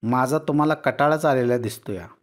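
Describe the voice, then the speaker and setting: Male reader doing a touchy, tearful village wife, higher plaintive rustic voice. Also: fairly quick, natural voice. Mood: sulky. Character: rural village wife, sulky, tearful, quick to take offense.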